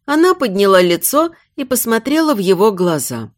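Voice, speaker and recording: A woman narrates a scripted audiobook with a lively, rising and falling voice. Her reading is measured and expressive, and the recording is dry and close with no room sound. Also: mid-range voice, no room sound.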